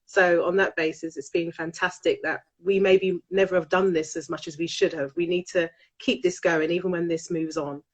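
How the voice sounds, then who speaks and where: A British woman with a cold hosts a casual live chat interview on a video call, her voice nasal and congested. She speaks low and fairly evenly at a normal speed with few pauses, gushing effusively and often repeating herself.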